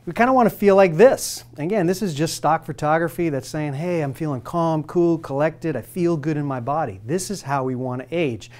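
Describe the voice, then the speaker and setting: A man's voice: a little high, moderate pace, hardly any pauses, darkish tone. A man in his forties giving a persuasive scripted presentation to camera, asking the viewer direct questions, recorded in a studio on a lapel mic. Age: 40s. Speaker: hormone therapy presenter. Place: studio with plain light backdrop.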